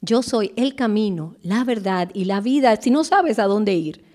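A woman giving an earnest devotional Bible teaching, slowing down with emphatic pauses. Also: medium pitch, animated, a little mellow.

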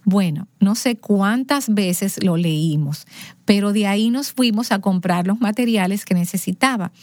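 A woman telling a personal story as an interview guest, lively, acting out the lines of people in her story. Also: medium pitch, unhurried, dry recording, clean studio sound.

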